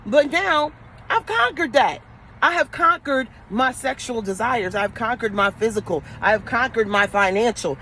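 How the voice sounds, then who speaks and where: A woman's voice: fairly high pitch, expressive, normal speed, sharp tone, slight background noise. A woman with a New York Queens accent ranting casually on a livestream, blunt, streetwise and emphatic, with slang and swearing. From New York City, Queens. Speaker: livestreaming spiritual advisor. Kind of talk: casual, profane livestream rant.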